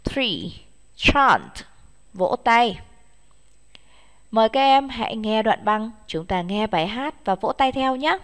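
A woman with a Vietnamese accent teaching English to small children, speaking very slowly and patiently. She says each word twice and coaxes the children to repeat after her. Her voice trails off into a long reverb. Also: fairly high pitch, expressive. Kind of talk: slow classroom instruction for young children.

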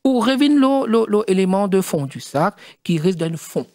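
A middle-aged man with a Mauritian accent, a studio guest explaining in halting speech with many fillers and restarts. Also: high-pitched, expressive, dark tone, no room sound. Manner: halting, mixes French and Creole, many fillers. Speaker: studio guest, former district council president.

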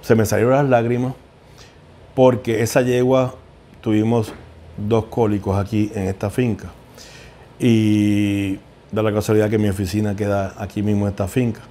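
A man's voice: lowish voice, little pitch movement, normal speed, mellow, slight background noise. A middle-aged man, an equine veterinarian, telling heartfelt stories in an interview. He often repeats words as he searches for them. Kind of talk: emotional interview storytelling.

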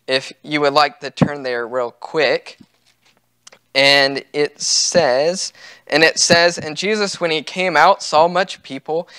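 A man's voice: a little high, bright, forceful tone, smooth, dry recording. A young man preaching a sermon from a church pulpit, earnest and conversational, with frequent fillers and restarts. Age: young adult. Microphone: pulpit microphone.

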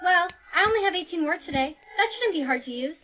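High-voiced woman telling a dramatic story. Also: lively intonation, fast talker, pushed and bright, muffled recording, slight background noise. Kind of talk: scripted storytime narration over slime video.

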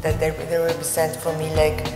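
Middle-aged Argentine woman artist, Spanish native, low even voice, haltingly explains her work; roomy gallery sound, music behind. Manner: halting, searching for words.

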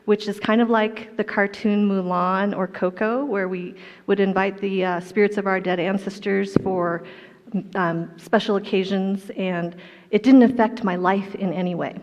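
Mid-range and a little mellow, this Colorado woman's voice keeps a steady tone at a measured pace as she, a middle-aged guest speaker, shares a personal testimony on a big indoor hall stage. She tells it storytelling-style with self-deprecating humor, and the recording sounds dull and echoey.

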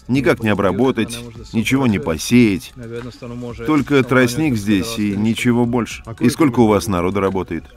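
A man voicing a documentary interview, asking and answering in a plain conversational way. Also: on the low side. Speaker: interviewer and voice-over narrator.

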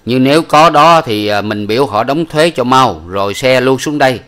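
A man reading a storybook aloud, voicing a coarse, bossy rustic stepfather who gives loud, curt orders. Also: medium pitch, lively intonation, normal speed, voice pushed up, close to an everyday voice.

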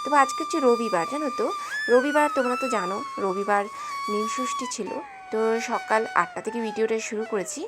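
A woman's voice: a little high, huge pitch swings, brisk. Chatty young woman vlogger, music behind. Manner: chatty, addresses viewers as friends. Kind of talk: casual vlog chat.

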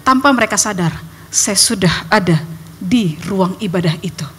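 A young woman evangelist giving a lively testimony to a church congregation, acting out voices and sounds as she tells her story. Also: mid-range voice, normal speed, breathy edge. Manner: animated storytelling, acts out voices and sound effects. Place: church hall.

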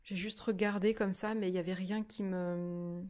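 A woman's voice: mid-range voice, fairly even intonation, moderate pace, a little mellow, smooth. Woman, 30s, home vlogger, hesitant, filler-heavy casual chat. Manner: hesitant, many fillers and restarts. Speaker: vlogger reviewing books. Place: at home by her desk.

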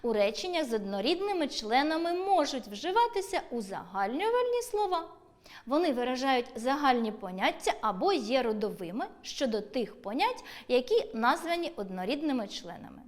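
A woman teacher giving an online school lesson, speaking clearly and deliberately, with a sing-song lilt on lists. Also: high-pitched, very animated.

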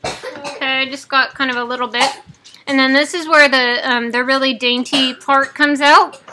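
A woman's voice: high-pitched, fairly even intonation, moderate pace, background noise. A woman, chatting casually in a tutorial through clenched teeth, her jaw wired shut, at home close to a webcam. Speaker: vlogger. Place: small home living room, indoors. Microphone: webcam at close range.

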